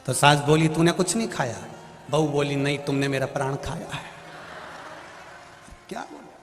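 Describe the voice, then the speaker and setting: Animated man preaching over music in a hall. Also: moderate pace. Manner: storytelling, acting out quoted voices with wide pitch swings.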